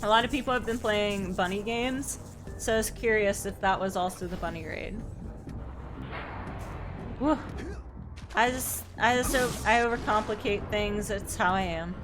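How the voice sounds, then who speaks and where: Streaming a video game live, this woman speaks in a mid-range voice at a moderate pace, pausing often. Her chat is casual and playful, with a cute, bubbly anime-streamer flair and frequent sing-song repetitions, all over background game music.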